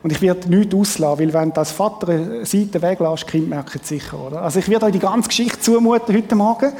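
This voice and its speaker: A man preaching with a mellow, dark voice, and his words ring on through a church hall with a long echo. He talks to the congregation in a plain, earnest way and keeps asking them questions. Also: sits high, brisk, gravelly. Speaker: pastor. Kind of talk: sermon.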